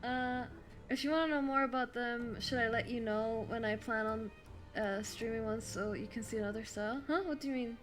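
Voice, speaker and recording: A woman's voice: fairly high pitch, fairly even intonation, a little fast, faint music behind. A woman with a German accent streaming a game, chatting casually, thinking aloud and answering her chat. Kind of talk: casual gameplay commentary.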